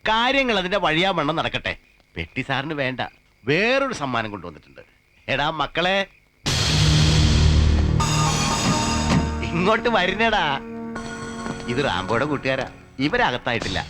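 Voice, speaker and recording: A man's voice: a little high, huge pitch swings, a little fast, pauses often, music in the background. An actor playing a man who begs an officer with grovelling, flowery pleas in a comic film. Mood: scheming. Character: fawning, theatrical man begging an officer.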